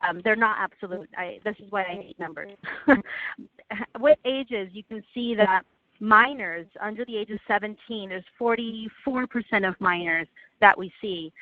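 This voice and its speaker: A woman's voice: medium pitch, no room sound. Woman speaking over a tinny phone line. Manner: earnest, halting, with many restarts and fillers. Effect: heard over a phone line. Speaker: webinar presenter for a legal aid project. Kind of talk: presenting slides in a webinar.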